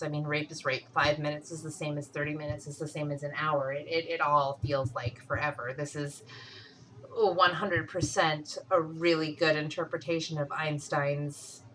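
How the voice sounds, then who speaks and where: A woman's voice: low-pitched, fairly bright tone, a little hiss or hum, rough recording. A young adult woman speaking candidly and bluntly in casual conversation, swearing freely as she tells her own story.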